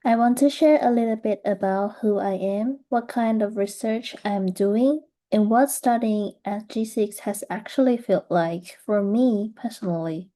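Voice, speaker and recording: A young adult woman from Taiwan talks through her research journey in a steady, earnest presentation. Her voice is soft and mellow with a mid-range pitch. She sounds thoughtful and reflective throughout. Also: measured pace, hardly any pauses. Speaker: graduate student presenter. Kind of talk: scripted presentation.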